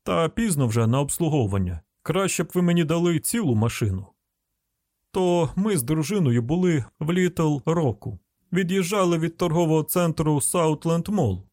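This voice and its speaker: Brief: narrator playing a gruff older Arkansas man, loud folksy grumble, dry close sound. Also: on the high side, expressive, normal speed, no echo, voice pushed up, natural voice. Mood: grumbling.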